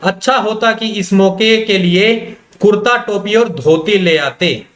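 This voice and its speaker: A man with a fairly high voice gives an exam-prep literature lecture. He reads a story aloud, stops to explain it, and repeats what his students must note. The recording has a roomy echo. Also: a bit bright. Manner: repeats key lines and tells students to note them; slows down when reading quoted lines. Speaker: Hindi literature teacher.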